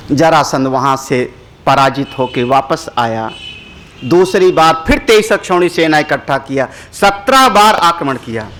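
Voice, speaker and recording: A man, a spiritual teacher, giving a religious discourse with animated storytelling. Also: on the high side. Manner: animated storytelling, rising loud for dramatic moments.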